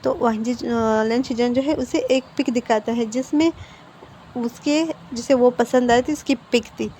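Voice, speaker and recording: A woman casually retelling a fan-fiction story in an informal, halting way. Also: a little high, fairly even intonation, mellow, slight background noise.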